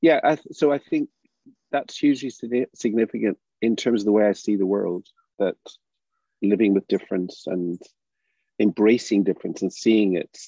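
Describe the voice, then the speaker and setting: An older man from Northern Ireland with a Northern Irish accent, speaking as a drama educator in a thoughtful, halting way with many restarts. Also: lowish voice, dark tone, slightly rough, no echo, lo-fi sound. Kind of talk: reflective interview talk.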